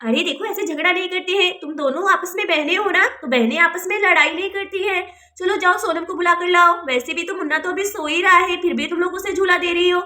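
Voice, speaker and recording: A woman's voice: very high-pitched, brisk, few pauses, sharp tone, reverberant. A woman voicing a kind motherly aunt doll in a doll cartoon, talking in a soothing, coaxing way.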